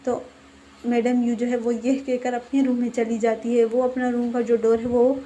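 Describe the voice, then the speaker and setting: A woman's voice: on the high side, flat delivery, normal speed, warm tone, slight background noise. A woman casually retelling a fan fiction story in her own words, with fillers, reading out the characters' lines as she goes.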